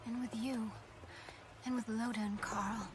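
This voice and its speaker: A woman's voice: fairly high pitch, steady tone, slow. An actress playing a resolute, sorrowful young woman in an anime dub, earnest and solemn. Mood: tender. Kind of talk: anime dub drama acting.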